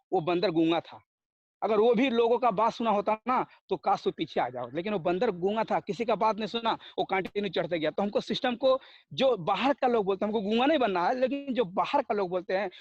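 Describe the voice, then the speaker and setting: An animated man with a high voice talks briskly at a network marketing meeting, giving a motivational speech full of stories, acted-out dialogues, and rhetorical questions fired at the crowd. There's no room sound, and the highs are cut off.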